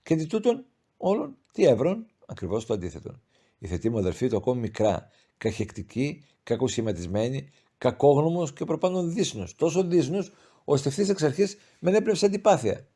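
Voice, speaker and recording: Male audiobook narrator, mellow and dark-toned, measured expressive storytelling. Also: on the high side, husky. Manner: measured, expressive reading of formal old-style prose. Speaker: audiobook reader. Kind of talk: scripted literary narration.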